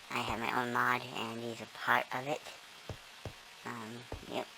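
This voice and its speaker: A person talking through a voice-morphing filter that makes them sound like a small squirrel, casually rambling through a gameplay tour with many ums and self-corrections. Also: noisy background. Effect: voice-morphing filter, squeaky and small like a squirrel. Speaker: gamer giving a tour of a build.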